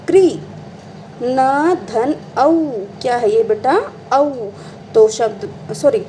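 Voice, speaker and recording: Her voice is a little high and mellow, captured on a low-quality recording with slight background noise. The woman patiently teaches a lesson on exercises, calling the students beta and answering the very questions she asks.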